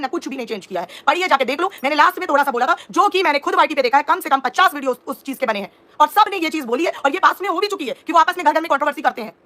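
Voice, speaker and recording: This reaction vlogger, a woman in her thirties, talks to her livestream viewers with a high, sharp-toned voice. Indignant, she justifies herself and replies to what people write in the comments.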